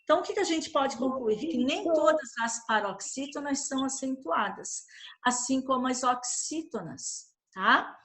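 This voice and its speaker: Bright, high-voiced Brazilian woman teacher. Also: expressive, moderate pace. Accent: Brazilian Portuguese. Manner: patient, uses diminutives and checks with "tá?". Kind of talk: online class explaining worksheet.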